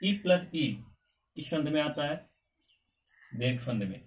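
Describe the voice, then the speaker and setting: Guy teaching grammar in a coaching class, sounds far from the mic, kinda high voice, keeps repeating words and asking questions. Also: animated, unhurried. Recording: far from mic with faint background noise.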